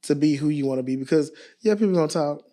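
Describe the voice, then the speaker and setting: A podcast guest from Dallas, Texas, tells stories in casual chat with a fast, warm voice on the high side. He comes across as playful, candid and emphatic.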